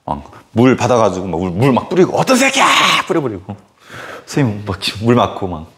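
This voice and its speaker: A male history teacher tells a story casually during a lecture, animated and full of fillers. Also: fairly low pitch, quick pace.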